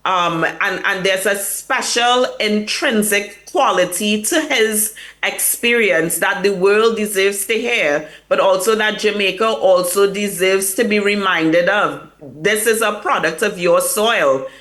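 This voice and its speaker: A woman publicist answers interview questions over a remote link from a hotel or room in New York, earnest and reflective, with fillers and restarts. Her mid-range voice has a fairly bright tone and moves at a measured pace with hardly any pauses.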